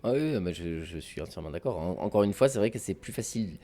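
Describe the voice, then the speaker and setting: A man's voice: low-pitched, animated, quick pace, mellow. A man hosting a podcast panel, agreeing with the guests and steering the discussion. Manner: agreeable, moderating the round. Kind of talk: casual debate chat.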